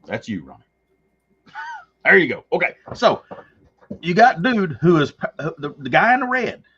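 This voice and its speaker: A man co-hosting a podcast in casual chat, telling stories in an animated, wry way. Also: on the high side, normal speed, breathy edge, dull audio. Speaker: podcast co-host.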